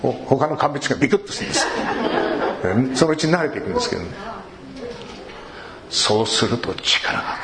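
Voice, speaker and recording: A man pastor giving an earnest sermon and prayer to a congregation, with warm asides. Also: medium pitch, background noise. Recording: echoey hall, faint room ambience.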